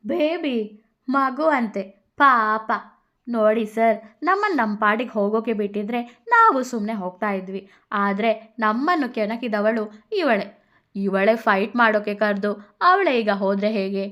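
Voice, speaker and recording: A woman's voice: a little high, lively intonation, unhurried, fairly bright tone. A woman voicing a drunk, arrogant young woman in a narrated story, taunting and condescending.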